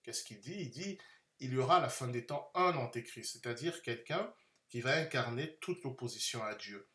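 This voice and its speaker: A man giving an unscripted Bible lesson, explaining slowly and carefully with frequent hesitations. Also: medium pitch, expressive, a bit bright. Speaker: Bible teacher. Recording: echoey room.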